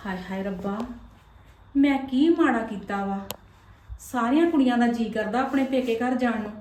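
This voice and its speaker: In a comic family skit, a woman plays a wronged, self-pitying visiting aunt, a sister and mother who laments aloud to herself. Her voice is high-pitched and natural, picked up from a distance in an echoey room.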